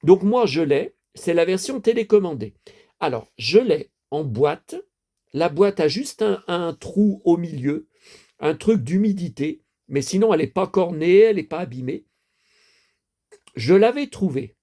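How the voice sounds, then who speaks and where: A man's voice: on the high side, expressive, unhurried, mellow. A man in his fifties, a collector chatting casually to camera, rambling and repeating himself with many fillers. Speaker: toy collector vlogger.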